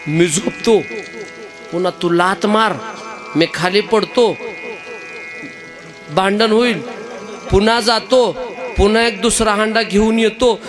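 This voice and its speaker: A man's voice: high-pitched, takes it slowly, long pauses. A man voicing a sly, greedy village husband who sounds smug and scheming, music behind.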